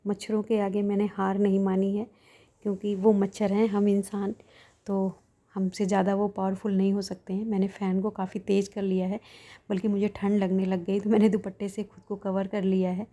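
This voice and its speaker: Woman study vlogger, mellow husky voice, flat encouraging delivery, quiet late-night home recording. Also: mid-range voice, fairly quick, muffled recording. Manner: encouraging, motivational advice; speaks softly at night to avoid waking family. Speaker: study vlogger, exam aspirant. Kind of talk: casual study vlog narration. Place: open veranda at home at night, fan running.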